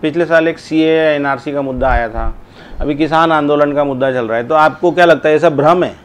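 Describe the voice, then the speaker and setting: A man's voice: fairly high pitch, brisk. A man hosting an interview, asking formal, probing questions of his guest. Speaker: interviewer host.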